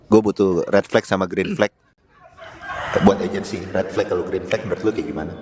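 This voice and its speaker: Podcast host, male, deep register, Jakarta Indonesian accent, casual conversational interviewer. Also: fairly even intonation, a little fast, darkish tone, slight background noise.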